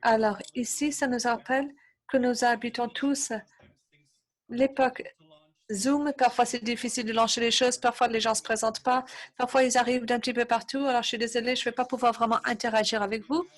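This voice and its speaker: A woman with a fairly high voice interprets a lecture webinar live. She keeps a steady flow, with brief hesitations and quick self-corrections.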